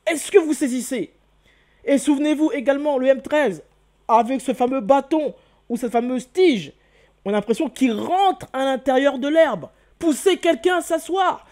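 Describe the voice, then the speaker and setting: A channel host teaches hieroglyphs in a video lesson, walking the viewer through step by step. His voice is very high-pitched and darkish, at a normal speed. He often exclaims, repeats key words, and poses questions to the listener that he then answers himself.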